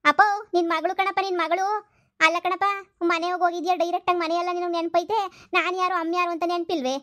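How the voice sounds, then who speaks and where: A woman's voice: extremely high pitch, flat delivery, fast talker, a bit bright, no room sound. A woman playing a pleading, nagging village wife and daughter in a comedy skit.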